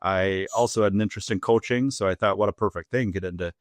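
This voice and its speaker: A man's voice: low-pitched, fast, no room sound, clean studio sound. A man in his fifties from Minnesota with a Minnesotan accent, a school superintendent chatting easily as an interview guest, joking and often restarting his sentences. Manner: easygoing and joking, with frequent restarts. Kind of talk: casual interview chat.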